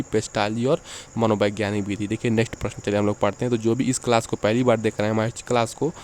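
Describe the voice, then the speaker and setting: A man's voice: mid-range voice, darkish tone, a little hiss or hum. A man teaching an exam-prep lecture, going through the points one by one and checking in with the listeners as he explains. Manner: explains point by point, often adds "ठीक है".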